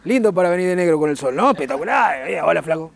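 A man's voice: a little high, expressive, fast, gravelly, voice pushed down. A man voicing a cheeky male puppet with a Rioplatense Argentine accent, greeting a crowd with crude, teasing banter.

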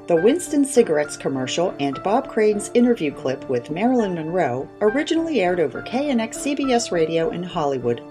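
A woman reading podcast credits in a measured, formal way. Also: medium pitch, warm tone. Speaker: podcast announcer.

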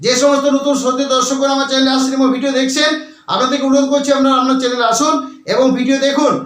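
A man's voice: extremely high pitch, little pitch movement, very fast, fairly bright tone. A man teaching a YouTube language lesson, repeating himself and spelling words out letter by letter. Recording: echoey room.

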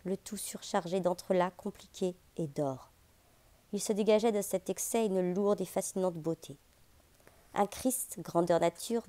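A woman narrating a literary audiobook in a measured, expressive reading. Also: fairly low pitch.

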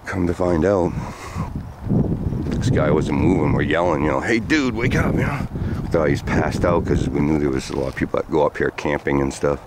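Very deep-voiced man rambling outdoors. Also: expressive, normal speed. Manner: rambling, loose with many fillers. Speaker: vlogger. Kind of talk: walking storytelling vlog. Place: outdoors on sandy trails by woods. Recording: faint outdoor noise.

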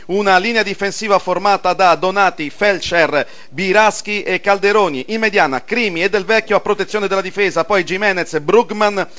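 A man's voice: high voice, moderate pace, hardly any pauses, sharp tone. Man giving a radio match report. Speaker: football radio commentator.

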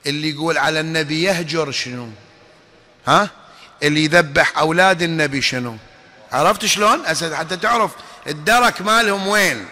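A man's voice: a little high, a little fast, sharp tone. A man with an Iraqi accent, preaching a sermon emphatically and asking the audience rhetorical questions. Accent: Iraqi Arabic. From Iraq. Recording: long reverb of a large hall.

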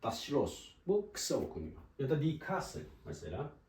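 A man teaching a language lesson at a board, explaining pronunciation and slowly repeating each example word. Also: medium pitch, huge pitch swings, darkish tone. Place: room with a writing board. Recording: roomy echo, voice from a distance.

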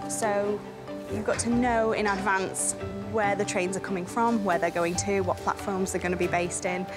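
Over loud music, a young Englishwoman who organises railway events chats casually while getting an event ready on an outdoor station platform. Her mid-range voice keeps a steady tone and moderate pace, and she sounds upbeat and laughs readily.

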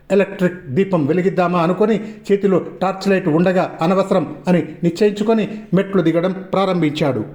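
Male storyteller, scripted narration, measured suspense, high pitch, warm tone. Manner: measured, suspenseful reading with many questions. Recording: roomy echo.

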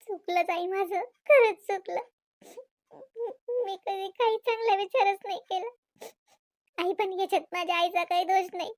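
A woman's voice: very high-pitched, fairly even intonation, normal speed, pauses often, no echo, clean studio sound. A woman voicing a remorseful young married woman who pleads and apologizes, with a Varhadi Marathi accent, in a cartoon. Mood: pleading. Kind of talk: cartoon voice acting.

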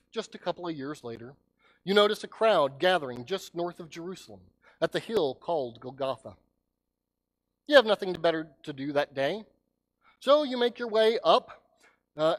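A man preaching a sermon as pastor, telling a story dramatically and swinging from loud cries to hushed words. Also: sits high.

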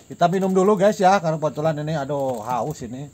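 A man with a Sundanese accent hosting a casual comedic chat outdoors after dark, chatty, laughing often and calling his viewers guys. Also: a little high, expressive, fast talker. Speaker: host.

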